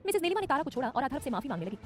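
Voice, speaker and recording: A woman narrating a romantic audio story in a brisk, dramatic scripted style. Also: high-pitched, big pitch swings. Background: soft music.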